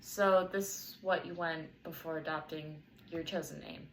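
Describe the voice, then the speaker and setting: Low-voiced young woman reading interview questions. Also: steady tone, moderate pace, creaky, slight background noise, poor audio. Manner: careful, explanatory, reads from notes. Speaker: student interviewer.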